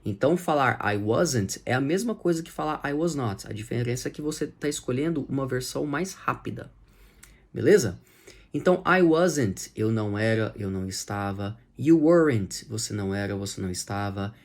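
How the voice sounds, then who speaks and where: A man with a Brazilian Portuguese accent teaching English grammar, patiently repeating example phrases slowly. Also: mid-range voice, expressive.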